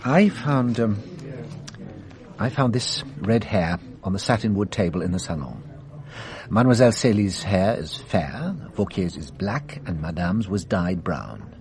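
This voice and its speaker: A man's voice: deep voice, big pitch swings, darkish tone, exaggerated voice. A man acting in a radio drama as a shrewd, genial, self-assured French police inspector with a theatrical, musing manner. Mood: secretive, assured. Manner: theatrical, musing, savours his pauses.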